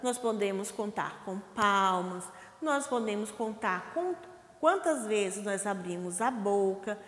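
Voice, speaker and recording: Slow, lively woman teaching small children. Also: mid-range voice. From Brazil. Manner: slow, sing-song teacher talk, asks questions and sounds out syllables. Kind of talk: lesson for young children. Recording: echoey room with long reverb.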